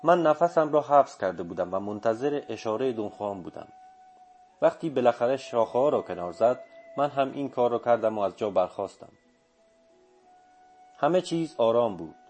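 A man reading a first-person story aloud in a steady, measured narration. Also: medium pitch. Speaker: audiobook narrator. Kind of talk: scripted literary narration. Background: faint music.

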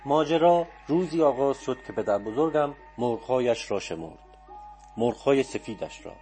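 A man narrates a literary audiobook in a calm, reflective voice. His tone is warm and mellow at an ordinary pitch. Faint music runs beneath the reading.

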